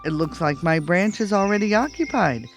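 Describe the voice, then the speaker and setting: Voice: medium pitch, expressive, normal speed, over music, pitched above the performer's own voice, natural voice, poor audio. A storyteller voicing a busy, drowsy owl who speaks in a polite, formal manner. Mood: polite, dismissive.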